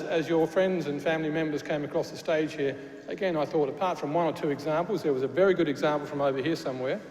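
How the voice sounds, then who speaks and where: A man from Scotland with a higher-pitched, darkish voice and a Glaswegian accent addresses graduates as a university official in a large church hall. His speech is chatty, full of fillers, restarted sentences, and jokey asides to the crowd, recorded with echo and faint noise.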